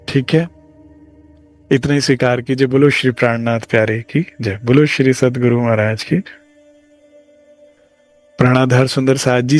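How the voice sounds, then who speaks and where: A man giving a devotional discourse as a spiritual teacher, talking conversationally and acting out short dialogues. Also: mid-range voice.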